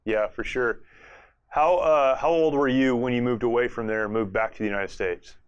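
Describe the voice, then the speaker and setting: Male podcast host, friendly and casual, smooth resonant voice. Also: medium pitch, normal speed, dull audio. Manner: friendly, conversational, with fillers. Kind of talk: casual interview hosting.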